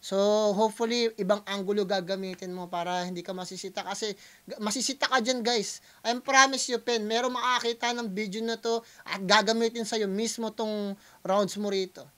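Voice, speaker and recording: A Filipino man hosting a reaction video, talking casually in mixed Tagalog and English, pausing often and calling out to his viewers. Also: high voice, steady tone, bright, forceful tone. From Philippines. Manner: hesitant Taglish, keeps addressing viewers as guys.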